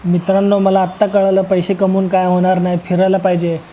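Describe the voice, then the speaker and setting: A man's voice: high-pitched, monotone, a little fast, background noise. A young man from Solapur, narrating a travel vlog in a rambling, joking way and addressing viewers as friends. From Solapur, Maharashtra. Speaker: travel vlogger. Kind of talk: casual travel vlog voice-over.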